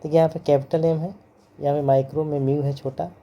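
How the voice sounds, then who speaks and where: A man's voice: a little high, flat delivery, quick pace, warm tone, muffled recording. A man teaching physics in a lecture, repeating each term and its pronunciation over and over, mixing English terms into his Hindi. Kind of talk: classroom lecture.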